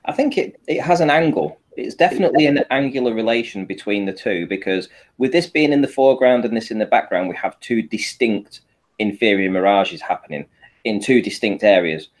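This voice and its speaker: On the low side, his voice carries lively intonation and a slightly fast pace. He's a panel guest giving an informal talk over shared images for a photo analysis, going step by step and checking listeners follow.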